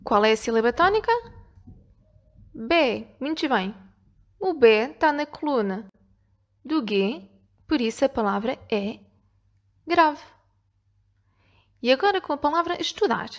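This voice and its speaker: A woman teacher with a European Portuguese accent giving a video lesson, speaking clearly and didactically, drawing out example words slowly and checking in with the viewer. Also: high-pitched, expressive. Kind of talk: video lesson explaining grammar.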